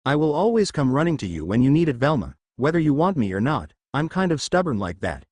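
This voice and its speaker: A man's voice: medium pitch, very animated, fairly quick, darkish tone, no room sound. A man voicing a frank, caring teenage boy ninja in a spoken storybook, talking in a dry tone. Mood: earnest.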